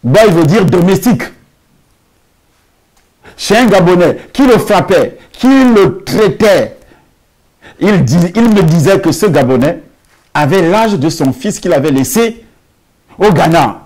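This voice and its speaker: Emphatic preaching man, slightly high. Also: expressive, a little mellow. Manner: emphatic preaching, drawn-out phrases, rhetorical questions. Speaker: pastor. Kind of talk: sermon with a testimony. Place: church hall.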